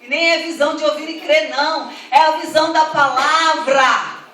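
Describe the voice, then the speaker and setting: Picked up from a distance in a reverberant church hall, this high-pitched woman speaks in a steady, fairly bright tone at a moderate pace. She's a middle-aged pastor whose fervent preaching swells into emphatic calls to the congregation.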